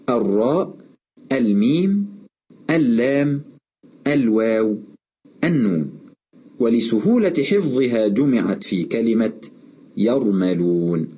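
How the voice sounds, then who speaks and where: A man narrating a scripted lesson in a measured, explanatory way, slowing down to recite examples. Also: lowish voice, breathy edge, dull audio. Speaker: Quran recitation teacher.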